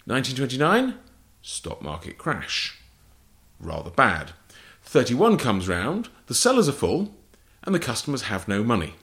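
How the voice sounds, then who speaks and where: Speaking at a measured pace, this Englishman has a medium-pitched, slightly bright voice that swings hugely in pitch. As an interviewed port wine writer, he explains things precisely, rattling off facts in brief clipped bursts.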